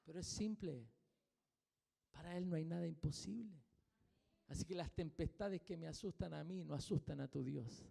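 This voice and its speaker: A man's voice: on the high side, moderate pace, vocal fry, mellow. Man, Chilean accent, pastor, emphatic sermon, long church-hall reverb. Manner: emphatic preaching with repetition and questions to the congregation. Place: church sanctuary.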